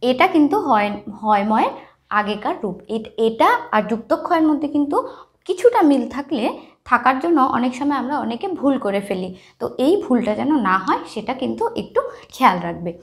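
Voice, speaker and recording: A woman's voice: a little high, expressive, fairly quick. A woman teaching a lesson, explaining step by step and checking often with the listener. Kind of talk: lesson on writing and pronunciation.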